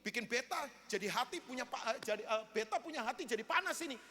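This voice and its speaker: A man voicing a grumbling male clove farmer with an Ambonese accent, loudly complaining at God. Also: very high voice, lively intonation, fast, slight background noise, exaggerated voice. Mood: indignant. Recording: echoey church hall.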